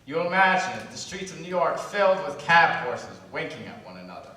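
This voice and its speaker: An actor playing a dry, wisecracking servant who is cynical about employers, in a live stage play. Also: male voice, a little high, sing-song, brisk, bright, forceful tone. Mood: wry. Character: wry sardonic male servant, cynical about bosses. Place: theater stage. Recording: echoey hall, taped from far off.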